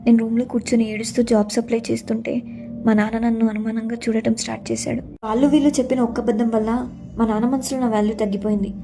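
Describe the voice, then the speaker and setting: Young woman narrating her own sad story, earnest, kinda high but flat and mellow. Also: fast talker. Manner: earnest, sorrowful recounting. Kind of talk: first-person story narration.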